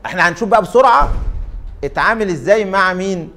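Egyptian man lecturing in a fairly high voice. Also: animated, pushed and bright. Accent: Egyptian Arabic. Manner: questioning the class, drawn-out fillers. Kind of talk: interactive lecture.

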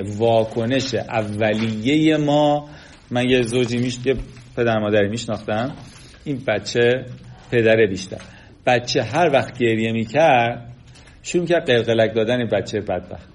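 A man giving a lecture, talking directly to the audience and acting out the things people say. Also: medium pitch. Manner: animated, acts out quoted speech.

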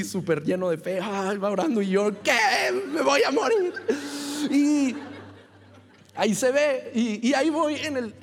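A man delivers a Sunday sermon, his voice sitting high for a man. He tells stories animatedly and laughs along the way. The sound rings with the long echo of a church hall. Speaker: pastor. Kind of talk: sermon with a personal story. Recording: reverberant hall.

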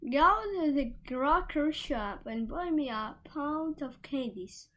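A woman's voice: high-pitched, takes it slowly, fairly bright tone, voice pushed up. Woman putting on a sly wicked stepmother. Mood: sly coaxing. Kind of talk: storybook reading.

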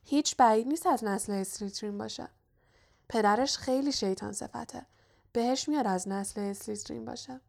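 A woman's voice: fairly high pitch, vocal fry, darkish tone. Harry: an earnest young schoolboy wizard voiced by a woman. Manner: earnest and brooding.

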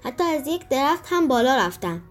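A woman's voice: high voice, big pitch swings, soft background music. Woman doing a young boy rabbit. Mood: childlike.

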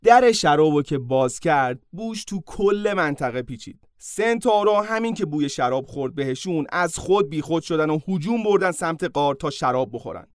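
A man's voice: fairly high pitch, expressive, few pauses, no room sound, studio quality. A man hosting a podcast, telling comic stories in a casual way with joking asides to the listener. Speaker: podcast host and storyteller. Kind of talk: comic storytelling narration.

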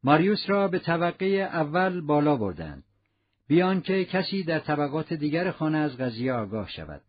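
A man reading a novel aloud as narrator, in a measured storytelling manner. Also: on the high side, very animated, breathy edge. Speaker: audiobook narrator. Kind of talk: scripted narration. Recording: muffled lo-fi recording.

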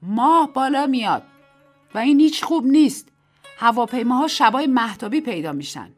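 A woman's voice: on the high side, lively intonation, soft background music, pitched above the performer's own voice. A woman voicing an anxious young village man who calls out an urgent warning. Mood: alarmed.

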